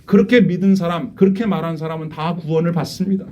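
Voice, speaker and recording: A middle-aged male pastor preaching a sermon in a church, earnestly acting out prayers and quoted voices, moving between hushed asides and emphatic calls. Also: a little high, steady tone, quick pace, lo-fi sound. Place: church sanctuary.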